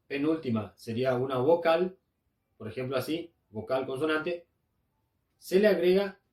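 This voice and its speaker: A man from Argentina teaching an English grammar lesson, hesitant and repeating himself often, with frequent filler sounds. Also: medium pitch. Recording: echoey room.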